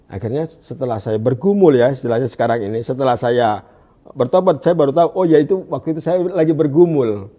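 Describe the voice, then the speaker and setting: A man from Indonesia telling his story in an interview, often pausing and restarting as he searches for words, and dropping to a hushed voice when he quotes. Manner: drops to a hushed low voice when quoting. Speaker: guest giving a testimony. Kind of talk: conversational interview.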